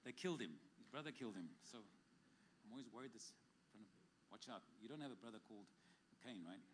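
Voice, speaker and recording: Male pastor, quick emphatic prophetic delivery, faint room ambience. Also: on the low side, expressive, noisy background. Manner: fast, emphatic, joking asides. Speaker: pastor giving prophetic words. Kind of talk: prophetic ministry to congregation. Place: church service.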